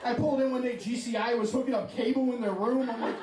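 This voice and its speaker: A man's voice: extremely high pitch, steady tone, quick pace. A man doing stand-up storytelling on stage before a live audience, in a self-deprecating, conversational way. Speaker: stand-up comedian. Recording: echoey room with a far-off mic and a laughing crowd.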